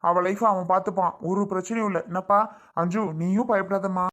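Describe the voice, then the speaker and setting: A steady, reassuring elder brother, played by a woman in a family skit. He speaks plainly and matter-of-factly to calm the family. The voice is mid-pitched with a slightly lowered tone. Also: a little fast, lightly acted.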